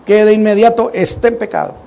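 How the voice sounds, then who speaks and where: A man's voice: sits high, level tone, fast talker, dark tone. A middle-aged man, preaching a Sunday sermon in a conversational, joking way full of rhetorical questions. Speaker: pastor.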